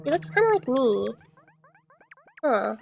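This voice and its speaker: A woman's voice: high voice, very animated, takes it slowly, gravelly, over music. A young adult woman streaming a game as a VTuber, chatting casually, swearing freely and breaking into giggles. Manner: giggly, breaks into fits of laughter. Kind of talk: casual live-stream gameplay chat.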